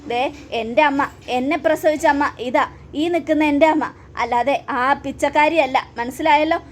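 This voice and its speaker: A woman's voice: high-pitched, normal speed, natural voice. A woman voicing an arrogant, hot-tempered young woman who talks scornfully and makes threats.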